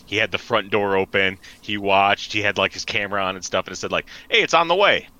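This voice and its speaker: Bright, rambling storyteller man. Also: low voice, level tone, quick pace, dry recording, lo-fi sound. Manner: rambling storyteller, acts out quoted people. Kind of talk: casual chat.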